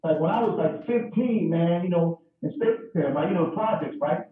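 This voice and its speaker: A man's voice: on the high side, fairly quick. A man, a stand-up comedian, telling stories in casual chat over a video call, acting out voices as he goes. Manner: animated, acts out voices and dog sounds. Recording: echoey, distant, phone-like call audio.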